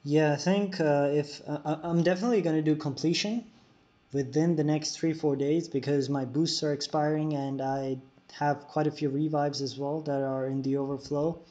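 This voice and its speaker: A little high and mellow, his voice holds a steady tone at a moderate pace. He's live-streaming a mobile game, chatting loosely with viewers, filling gaps with fillers, responding to chat, and sharing tips between fights. The audio is dull lo-fi.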